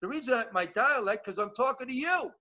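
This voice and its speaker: A man's voice: very high voice, lively intonation, quick pace, pushed and bright, slight background noise. A man with an East Coast American accent, chatting casually as a guest and rambling through many restarts. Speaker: guest giving updates. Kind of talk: casual chat.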